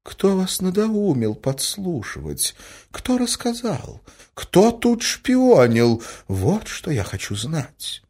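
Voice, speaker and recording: A man voicing a scheming middle-aged lady who speaks in a soft, honeyed, reproachful way. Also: sits high, huge pitch swings, takes it slowly, voice pushed up, exaggerated voice. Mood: cool probing.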